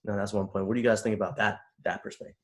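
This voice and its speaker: A man's voice: lowish voice, little pitch movement, racing, slight background noise. A young man from the Bay Area leading a casual discussion, slangy and asking the others questions. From San Francisco Bay Area. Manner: conversational, asks questions, slangy.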